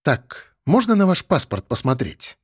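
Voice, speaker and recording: A male narrator voicing a stern, sarcastic woman police major who talks in brisk, commanding questions. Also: on the high side, sing-song, breathy edge, dry recording, clean studio sound, full character voice.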